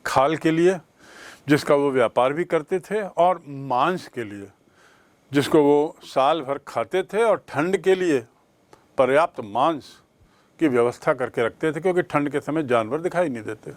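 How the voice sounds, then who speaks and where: A man teaching a history lesson, explaining slowly and repeating key terms for his students. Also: a little high, no echo. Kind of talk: classroom history lecture.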